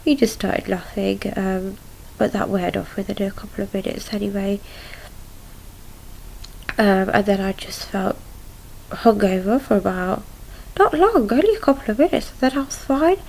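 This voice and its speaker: A young woman giving a casual video diary in a subdued, halting way, recorded indoors at home on a device at arm's length. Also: mid-range voice, creaky, darkish tone, slight background noise, poor audio. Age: young adult. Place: small room at home, indoors.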